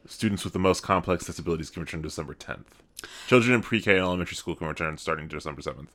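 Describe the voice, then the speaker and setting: A man's voice: low-pitched, very fast, fairly bright tone. A man co-hosting a podcast from a home study, talking loosely with frequent ums. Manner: loose, hesitant, uses "um" often. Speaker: podcast co-host. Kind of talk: casual chat.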